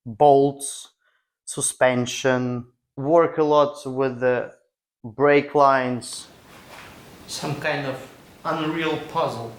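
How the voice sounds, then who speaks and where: A man with a Russian accent talking casually to camera as a vlog host, in halting non-native English broken into short phrases. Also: mid-range voice. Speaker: host of a car restoration channel. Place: garage.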